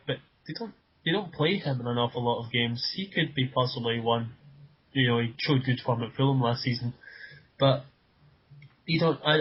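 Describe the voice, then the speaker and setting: A man co-hosting a casual football podcast, often repeating words as he starts sentences. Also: medium pitch. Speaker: podcast co-host. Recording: dull lo-fi podcast audio.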